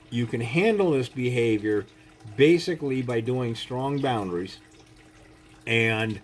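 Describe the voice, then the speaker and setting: A man giving a casual spoken lesson on self-defense, talking bluntly with frequent "you know" and "okay?" and swearing casually. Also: medium pitch. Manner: acts out quoted speech.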